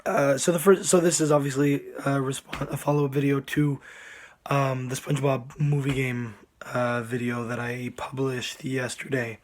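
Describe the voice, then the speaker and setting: A man with a hoarse, sick voice that is giving out gives casual commentary as a game reviewer, often clearing his throat. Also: medium pitch, flat delivery, moderate pace.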